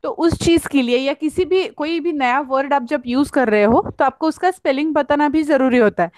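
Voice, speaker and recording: A woman's voice: sits high, normal speed, darkish tone, no echo. A woman teaching German on an online class, explaining patiently and often checking with "right?". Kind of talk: online class lesson in Hindi and English.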